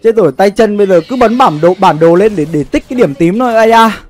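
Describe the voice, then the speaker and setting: A young man with a high, darkish voice speaks fast and expressively while chatting on his gaming livestream from an indoor setup. Slangy and sweary, he commentates casually and keeps repeating his phrases.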